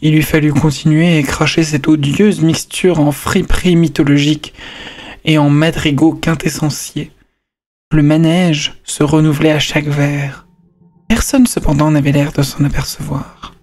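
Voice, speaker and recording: A man's voice: on the high side, level tone, normal speed, a little mellow. A man reading a story aloud on stream, breaking off for casual asides and stumbling over words.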